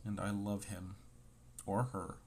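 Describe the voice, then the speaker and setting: A man with a low voice and a sore throat, talking slowly and casually as he reads out card names one by one. He drops in playful little asides between them, and faint noise sits underneath. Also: flat delivery, vocal fry, darkish tone. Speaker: host opening trading card packs. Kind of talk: casual chat.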